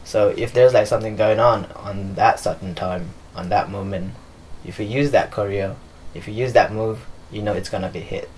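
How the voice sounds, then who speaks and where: A man's voice: lowish voice, fairly even intonation, normal speed, a little mellow, a little hiss or hum, rough recording. A young man from Nepal, a dancer and choreographer, answering interview questions in a loose, filler-heavy way while seated in a living room. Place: living room with leather sofas.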